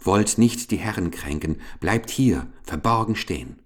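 Ein Mann liest eine sanfte junge Dienerin. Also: male voice, deep voice, expressive, unhurried. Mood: gentle. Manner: soft, gentle, sing-song rhyming speech. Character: gentle young maiden servant, soft-spoken. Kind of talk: storybook reading.

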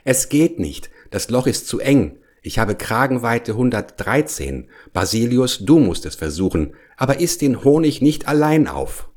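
Vain grumbling bear, pitched up, bouncy voice, a man putting it on. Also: very animated, unhurried, few pauses, darkish tone. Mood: fussy. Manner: grumbling, fussy about his collar. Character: vain, lazy male collar bear, eager for honey. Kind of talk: storybook reading for children.

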